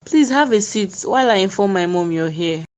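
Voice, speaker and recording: A woman's voice: medium pitch, lively intonation, moderate pace, darkish tone, close to an everyday voice. A woman voicing a chatty young fiancée. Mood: friendly. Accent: Nigerian. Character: cheerful young woman bringing her fiancé home.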